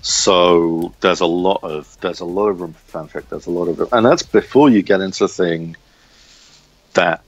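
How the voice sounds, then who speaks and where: On a lo-fi recording, a writer chats casually as an interview guest, his voice sitting low at an ordinary pace. He sounds hesitant, frequently groping for the right word.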